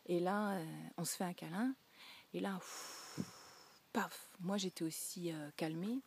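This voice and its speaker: A woman casually telling a personal story, pausing often and dropping into quiet whispered asides. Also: on the low side, a little hiss or hum. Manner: hesitant, many filler pauses. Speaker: parenting vlogger.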